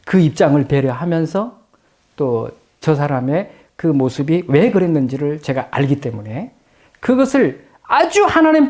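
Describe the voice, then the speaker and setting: A middle-aged man preaching, his pitch rising and falling widely as he tells stories. He acts out the voices of the people he talks about. His quieter lines give way to loud exclaiming. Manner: lively, acts out dialogue, swings from hushed to loud exclaiming. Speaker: pastor. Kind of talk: sermon with told anecdotes.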